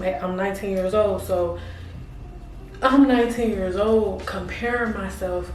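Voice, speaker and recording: A vlogger in her thirties talks casually to her camera, chatty and rambling, repeating herself and using lots of fillers. Her voice is medium in pitch and sounds roomy, as though recorded from a distance.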